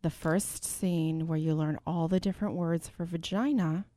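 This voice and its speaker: Young woman on student radio, low-ish mellow voice, playful, tosses in french bits. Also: steady tone, normal speed, dry recording. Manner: playful, drops in French phrases. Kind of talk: casual radio chat.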